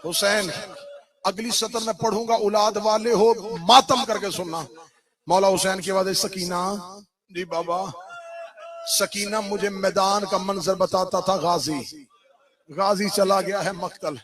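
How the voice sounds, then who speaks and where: A man delivering a chanted mourning sermon at a religious gathering, with a passionate, half-sung lament that rises into shouting. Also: sits high, fairly even intonation, soft background music.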